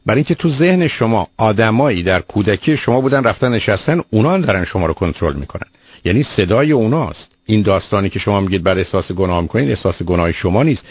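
A man's voice: on the low side, no room sound. A man hosting a radio call-in show, giving direct, lecturing advice with pointed rhetorical questions to a caller. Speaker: radio psychologist host. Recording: muffled radio broadcast audio.

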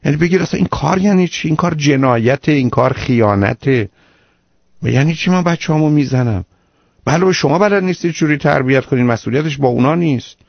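A man's voice: fairly high pitch, expressive, creaky, no room sound, dull audio. A man hosting a radio call-in advice show, lecturing a caller sternly and emphatically.

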